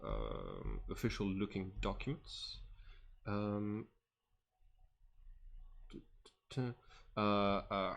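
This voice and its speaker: A man's voice: deep voice, fairly bright tone. A man running a tabletop game as game master, hesitant, with many fillers and restarts.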